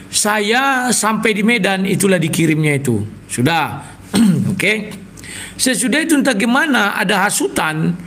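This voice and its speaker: A man hosting a live stream, giving blunt, scornful commentary and clearing his throat often. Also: high-pitched, fairly bright tone, a little hiss or hum. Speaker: host.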